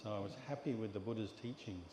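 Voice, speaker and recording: An older English man, a Buddhist monk, giving a dharma talk in a calm, measured storytelling way. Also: fairly low pitch. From England. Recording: echoey hall with long reverb and background noise.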